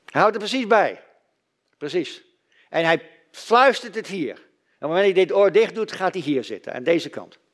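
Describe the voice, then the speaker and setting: A man's voice: sits high, lively intonation, normal speed, fairly bright tone. A middle-aged man preaching a sermon, telling stories with dry, self-mocking humor. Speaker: pastor.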